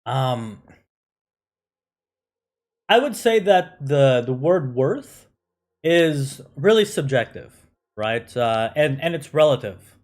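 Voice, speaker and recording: A man's voice: mid-range voice, lively intonation, slow, pauses often. A man who grew up in the United States, chatting casually on a game live stream, answering chat with lots of fillers and "right?" tags.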